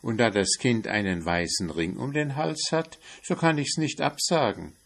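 A man's voice: mid-range voice, moderate pace, vocal fry, voice pushed up. A man voicing a sly, greedy female cat in a fairy-tale reading, speaking in a raised, bold, coaxing voice.

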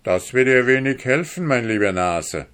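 A man's voice: mid-range voice, animated, moderate pace, fairly bright tone, clear, resonant tone, voice pushed up, close to an everyday voice. A man voicing a mocking, secretive foreign guest in an audiobook reading. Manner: sneering, mocking.

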